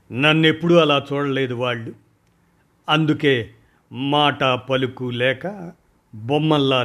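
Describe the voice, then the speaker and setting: A man narrating a first-person short story in a measured, deliberate reading. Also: mid-range voice, fairly bright tone.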